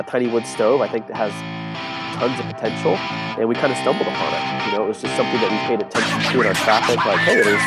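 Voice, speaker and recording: A young man with a congested, stuffy voice, talking casually as an interview guest and rambling with many fillers and restarts. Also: medium pitch. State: congested, sick. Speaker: guest, business owner.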